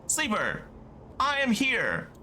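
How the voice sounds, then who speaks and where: A man voicing a gentle, ancient male ship-mind navigator, speaking softly and slowly. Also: extremely high pitch, wildly swooping pitch, slight background noise, voice pushed up, heavily acted. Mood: calm. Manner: soft, slow, gentle delivery.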